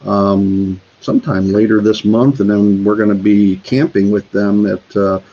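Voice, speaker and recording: A man's voice: on the low side, flat delivery, measured pace, warm tone. A man hosting a homesteading livestream, chatting casually with lots of fillers and restarts while reading out holiday cards. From Northeast Florida. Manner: rambling, many fillers and restarts. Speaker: homesteading channel host. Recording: slightly dull lo-fi sound.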